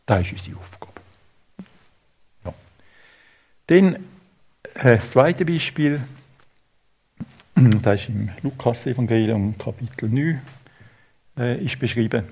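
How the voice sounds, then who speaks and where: A man with a Swiss German accent preaching a sermon, halting, with many fillers and restarts. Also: mid-range voice, lively intonation, darkish tone.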